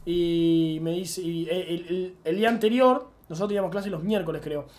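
A young man in his twenties with an Argentine accent, telling slangy, animated anecdotes as a streamer. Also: high-pitched, normal speed. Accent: Argentine Spanish. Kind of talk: casual storytelling chat.

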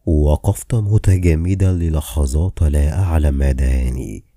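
A man narrating a novel in the first person, calm and measured. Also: extremely low pitch, no echo, studio quality. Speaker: audiobook narrator.

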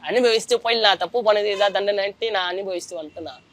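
A man's voice: sits high, fast talker, a bit bright. A young man, giving a colloquial personal account as a former prisoner, often trailing off as he searches for words. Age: young adult.

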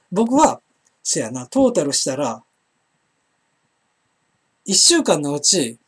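A middle-aged man with an Osaka Kansai accent, hosting a casual live-stream chat and rambling with many fillers as he reads viewer comments. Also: high voice. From Osaka, Japan. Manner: chatty, rambling, frequent fillers and restarts. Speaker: internet broadcast host.

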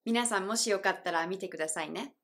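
With a medium-pitched voice, a young woman whose first language is English leads a friendly pronunciation video. Her manner is bright and upbeat as she demonstrates phrases slowly and clearly.

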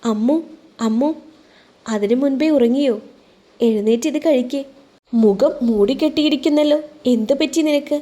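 A woman narrator lends her voice to a young man in a spoken story who starts off curt and turns tender and teasing. The voice sits fairly high and has a soft, mellow color. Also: moderate pace, pauses often, lightly acted. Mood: gentle.

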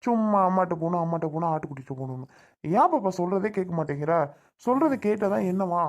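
A man's voice: high voice, expressive. A man playing a stern, impatient father who lectures and threatens his small daughter. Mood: exasperated. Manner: lectures and threatens in fast, irritated talk.

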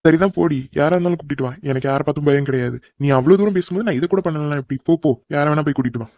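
Tamil-accent guy doing cartoon voice, quick talker, mellow, muffled dry sound. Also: on the high side, no room sound. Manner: exasperated and pleading. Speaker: voice actor in a cartoon. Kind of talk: animated cartoon dub acting. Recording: dull dry lo-fi recording.

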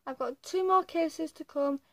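A young woman with a tongue piercing chatting casually and hesitantly to the camera as a vlogger, pausing often between short phrases. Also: high voice, a little hiss or hum. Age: young adult. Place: small attic bedroom, indoors. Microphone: phone or webcam at arm's length.

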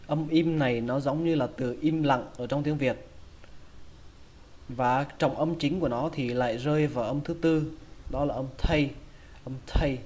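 A man's voice: medium pitch, normal speed, a little mellow. A man with a Vietnamese accent teaching English vocabulary, patiently repeating each word several times. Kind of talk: pronunciation lesson.

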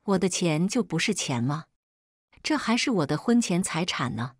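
A woman's voice: lowish voice, sing-song, moderate pace, no room sound, clean studio sound. A woman narrating a first-person story in a conversational, exasperated storytelling manner.

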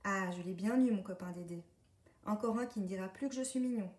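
Storybook figure: a woman doing a sulky, cheeky little duckling boy, high and bratty, mellow tone, recorded in an echoey room. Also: fairly quick, natural voice. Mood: mischievous. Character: little male duckling turned naughty. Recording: echoey room, distant mic.

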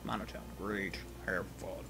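A man's voice: sits low, fairly even intonation, measured pace, creaky, background noise. A man giving casual, foul-mouthed and sarcastic let's play commentary as host. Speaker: gaming video host. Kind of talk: casual let's play commentary, reading game text aloud. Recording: game music behind the voice. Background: video game music.

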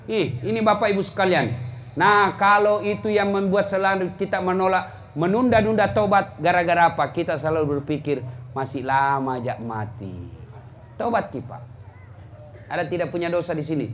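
Middle-aged male preacher with a lilt, high and lively, shouting punchlines, muttering asides; faint crowd ambience. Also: a little fast, slight background noise. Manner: animated, jumps from shouts to low mutters, acts out scenes. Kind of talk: comic sermon to a live crowd.

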